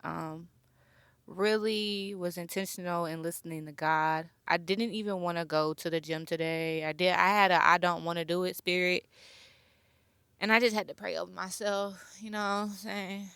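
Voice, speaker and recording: A young woman hosting her own podcast, talking slowly and reflectively in a personal, heartfelt monologue and pausing to search for words. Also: lowish voice, steady tone, a bit bright, clear, resonant tone, dry recording. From born near Chicago, raised near Atlanta. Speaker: podcast host.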